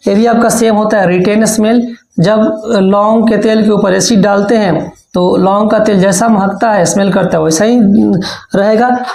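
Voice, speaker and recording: A man's voice: high-pitched, creaky, a little mellow, reverberant, poor audio. A male science teacher giving an exam-prep lesson, explaining step by step and asking and answering his own questions.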